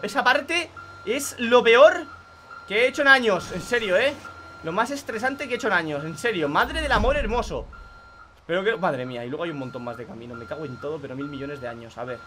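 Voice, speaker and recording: Exasperated young Spanish gamer, high lively voice. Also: male voice, slight background noise. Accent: Spain Spanish. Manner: exasperated, swears a lot, talks to viewers. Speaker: gaming youtuber. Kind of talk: live gameplay commentary.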